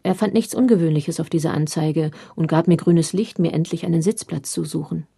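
A woman's voice: deep voice, a little fast, vocal fry, dark tone, husky, no room sound, studio quality, heavily acted. A woman voicing a chatty, curious young woman traveler who speaks politely.

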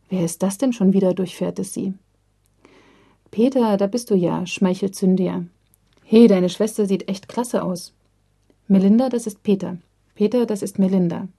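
A woman reading a story aloud in a calm, even storytelling manner, speaking the dialogue quietly. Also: medium pitch, slightly rough. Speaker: narrator. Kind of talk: audiobook reading.

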